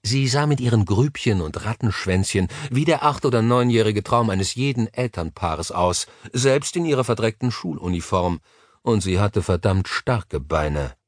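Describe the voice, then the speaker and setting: A man narrating an audiobook, reading a fantasy story and its author's foreword in a measured, even way. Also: on the low side, dry recording, studio quality. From Germany.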